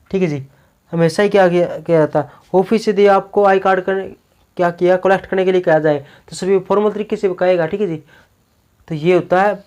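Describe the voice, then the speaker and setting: A man's voice: high-pitched, darkish tone. A male teacher giving a classroom grammar lecture, peppering it with rhetorical questions and repeated "okay ji" check-ins.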